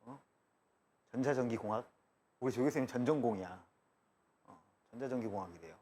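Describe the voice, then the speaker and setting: A man's voice: medium pitch, a little fast, warm tone, slight background noise. A man teaching math in a live classroom lecture, chatty and joking, drifting between asides and explanation. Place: lecture room.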